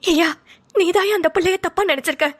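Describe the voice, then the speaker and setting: Lady voicing a worried tamil mom in a cartoon, coaxing her son, voice way up high. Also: a little fast. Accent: Tamil Nadu colloquial Tamil. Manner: coaxing, motherly, calls son affectionately. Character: fussing worried mother-in-law, middle-aged woman.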